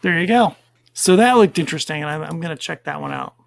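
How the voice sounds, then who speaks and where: A man co-hosting a casual podcast, rambling in a relaxed way as he works through a list. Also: on the high side, fast, gravelly, no room sound. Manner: relaxed and rambling, with fillers while reading down a list. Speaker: podcast co-host. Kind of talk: casual chat.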